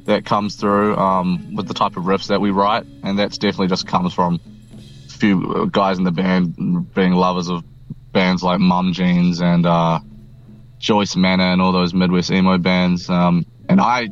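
Low-voiced New Zealand man on a muffled line. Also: normal speed, soft background music. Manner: relaxed, rambling with many fillers and restarts. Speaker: band member guest. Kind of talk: casual interview chat.

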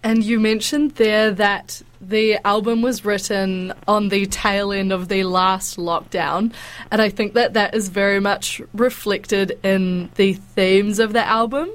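A radio breakfast show host with a head cold, her nose stuffy, conducts a friendly live radio interview in an effusive, encouraging way. Her medium-pitched voice has fairly even intonation and takes things slowly.

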